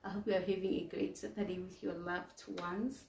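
A woman's voice: lowish voice, little pitch movement, moderate pace, darkish tone, reverberant, a little hiss or hum. Chatty South African woman vlogger. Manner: chatty, upbeat, lots of ums and fillers. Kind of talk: casual vlog talk to camera. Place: indoors in front of a plain wall.

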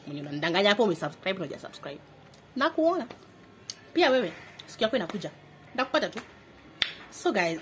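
A woman's voice: medium pitch, fairly bright tone, a little hiss or hum. A young Kenyan woman telling a storytime vlog, sassy and emphatic, switching freely between Swahili and English. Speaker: vlogger.

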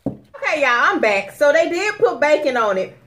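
High-voiced woman chatting on a mukbang. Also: big pitch swings, moderate pace, a bit bright. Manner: chatty, complaining, addresses viewers as y'all. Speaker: mukbang host. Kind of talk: casual mukbang chat. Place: dining table in a home living room. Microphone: camera across the table. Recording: noisy home room recording.

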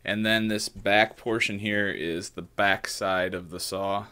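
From a small room at home, a maker in his thirties demonstrates 3D modeling over screen share, loose and unscripted, with frequent restarts and "right?" check-ins. His low voice comes across pushed, bright, forward, and crisp, at a measured pace and steady tone.

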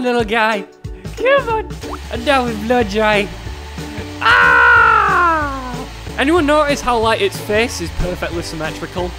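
A British man in his twenties doing casual, jokey, sarcastic and sweary gaming commentary for his channel. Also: sits high. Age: 20s. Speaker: YouTube gaming host. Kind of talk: casual let's-play commentary. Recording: music behind the voice.

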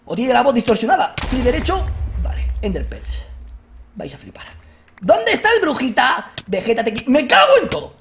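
A man with a Spain Spanish accent hosting a let's-play, excitable, shouting at enemies and joking with viewers. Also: very high-pitched, normal speed, a little hiss or hum. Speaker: gaming video host.

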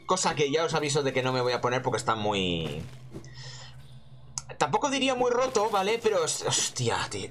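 A man's voice: fairly high pitch, a bit bright. A man with an accent from Spain giving casual gameplay commentary in a rambling, slangy way with lots of swearing. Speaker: gaming host.

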